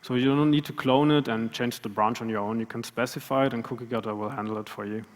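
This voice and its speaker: A conference speaker with a mid-range, steady voice talks fast while coding live in front of an audience. He stumbles with frequent fillers and false starts, and the large conference room adds long hall reverb.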